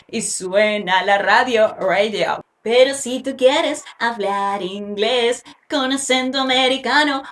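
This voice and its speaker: A woman giving a playful pronunciation lesson for children, telling a little story and slowly modeling example words. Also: a little high, a bit bright. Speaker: English pronunciation teacher.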